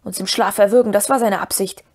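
A woman voicing a grumpy, loyal male hobbit in an audiobook, blunt and gruff. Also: mid-range voice, steady tone, fast talker, a little mellow, lightly acted. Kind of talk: audiobook reading.

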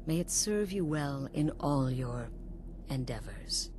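Businesslike and sly, a woman plays a middle-aged video game assassin leader with cool menace, speaking in a knowing, measured way broken by dramatic pauses. Her pitch sits low and her intonation is lively, while heavy background noise fills the recording.

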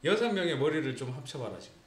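Animated man teaching with Gyeongsang accent. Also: a little high, very fast. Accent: Gyeongsang Korean. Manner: quizzing students, teasing and joking. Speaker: English teacher. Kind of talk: classroom grammar lesson. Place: small classroom. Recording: roomy classroom echo.

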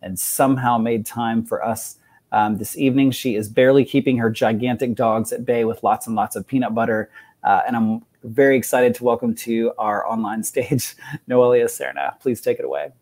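A man's voice: medium pitch, steady tone, normal speed, darkish tone. A man hosting an online poetry reading, introducing the next poet in a friendly, joking way with frequent fillers. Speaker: host of the reading. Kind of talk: event introduction.

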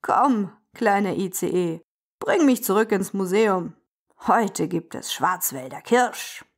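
A woman's voice: medium pitch, animated, slow pace. A woman voicing a kindly old museum steam locomotive in a children's storybook.

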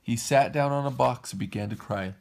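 A man's voice: mid-range voice, brisk, creaky. A man reading a storybook aloud to his kids, putting on voices for the characters. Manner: lively read-aloud, puts on voices for each character.

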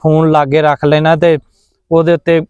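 Earnest preaching man, clear smooth voice. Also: fairly high pitch, level tone, moderate pace, a little mellow, dry recording, dull audio. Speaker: interviewee. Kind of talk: impassioned religious commentary.

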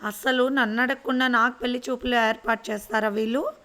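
A woman's voice: a little high, steady tone, brisk. A woman voicing a frightened young woman who stammers out excuses in a storybook reading. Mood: resentful. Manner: hesitant, quiet.

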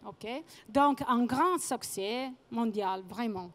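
A woman in her thirties giving a stage presentation in non-native French with a foreign accent, pausing to search for words and repeating them. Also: fairly high pitch. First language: not French. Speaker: conference presenter. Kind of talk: public presentation. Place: trade-show conference stage, indoors. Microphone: handheld microphone.

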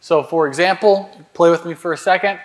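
A man's voice: fairly high pitch, a little fast. A man leading a live sales training in a room with an audience, urging people to speed up and cracking crude jokes. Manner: loud, urgent commands to hurry; crude, joking asides. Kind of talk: live seminar coaching.

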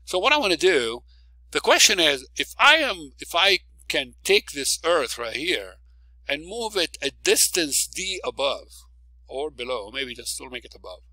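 A male physics professor records a video lecture with a bright, lively voice that climbs whenever he stresses a key word. He walks through the problem step by step and keeps asking "okay?" to check in. The sound is dry and close, with no room echo. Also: unhurried. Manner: explains step by step, asks "okay?" often; stresses key words with rising pitch.

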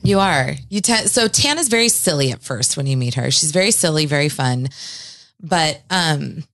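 A woman's voice: deep voice, expressive, moderate pace, a bit bright. A woman in her forties from the US Northwest, hosting a studio interview podcast, earnest as she leads her guest's story. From Eastern Washington, US. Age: 40s. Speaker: podcast host.

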